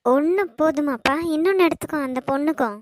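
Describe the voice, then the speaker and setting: A woman voicing a scolding older mother-in-law in an animated family drama, with a Kanyakumari Tamil accent. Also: high voice, quick pace, close to an everyday voice. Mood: contemptuous. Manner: scolding, contemptuous. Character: scornful older mother-in-law, sharp-tongued.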